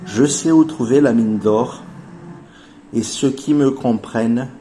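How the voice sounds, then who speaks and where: Man in his forties, dark mellow tone, earnest persuasive voice-over, faint music behind. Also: slow. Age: 40s. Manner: earnest persuasive sales pitch, addresses viewers as family. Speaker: channel host pitching an investment project. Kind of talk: voice-over narration over gameplay.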